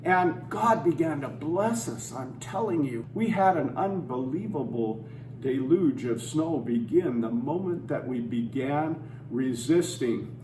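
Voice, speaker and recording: This campaigner against legalization has a slightly high, somewhat dark voice and speaks a little slowly but expressively. His scripted address is preachy and forceful, driven by religious conviction, and the recording is distant and roomy with faint noise.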